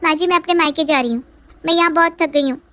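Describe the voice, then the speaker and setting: A woman's voice: very high-pitched, fast, bright, forceful tone, no room sound, pitched above the performer's own voice. A woman voicing a tired, upset young wife who pleads and complains in a storybook reading. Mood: pleading.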